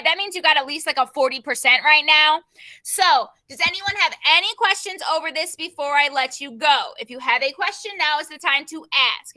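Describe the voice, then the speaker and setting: A young woman teacher leading an online grammar class over a video call, brisk and given to repeating her prompts. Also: sits high, bright, forceful tone.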